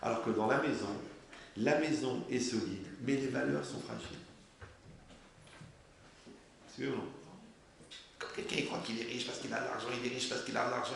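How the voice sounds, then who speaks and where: A man giving a religious class, animated and humorous, asking his listeners rhetorical questions. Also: mid-range voice, creaky. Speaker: Torah teacher. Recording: very echoey room, faint noise.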